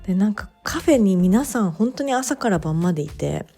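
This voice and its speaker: A woman narrating her vlog in a relaxed voice-over, chatty and gently enthusiastic, with soft fillers. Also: medium pitch, fairly quick, gravelly, breathy edge, faint music behind. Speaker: bookstore owner vlogger.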